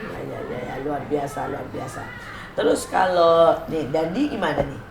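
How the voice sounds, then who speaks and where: A woman's voice: sits low, normal speed, echoey room, noisy background. A woman hosting a casual interview show in a garden, chatty and teasing, asking many questions. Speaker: host. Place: outdoor garden.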